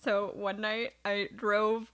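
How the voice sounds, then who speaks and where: A woman's voice: medium pitch, flat delivery, slow, a bit bright. A young woman hosting a podcast, chatting casually and candidly while tipsy, with bubbly bursts of laughter. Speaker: podcast host. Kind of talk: casual chat.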